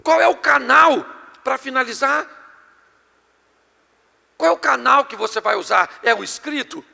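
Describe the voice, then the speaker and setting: A middle-aged Brazilian pastor preaching an animated, joking sermon to a live congregation. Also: male voice, very high-pitched, unhurried, creaky. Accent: Brazilian Portuguese. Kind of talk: sermon on marriage and communication. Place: church hall before a live congregation. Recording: long hall reverb.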